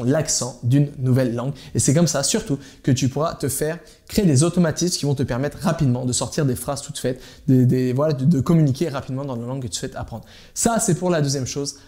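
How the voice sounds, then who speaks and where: A man coaches viewers on learning a language in an informal lesson, speaking directly to them and hammering home his key points. He talks at a brisk clip in a warm, mellow voice that sits a little high for a man. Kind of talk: informal teaching monologue to camera.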